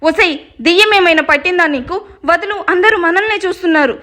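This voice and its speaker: Brief: a woman doing a mocking, exasperated young man in a storybook reading, high-pitched. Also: fairly quick, pushed and bright. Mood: bickering. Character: teasing, bickering young man.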